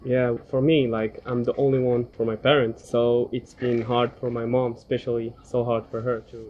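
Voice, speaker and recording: A man's voice: medium pitch, little pitch movement, moderate pace. A man of twenty-one from Morocco, an interview guest talking candidly about studying abroad. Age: 20s. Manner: candid, chatty, heavy on "like". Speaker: guest, graduate. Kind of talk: casual interview answers. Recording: dull lo-fi sound, faint noise.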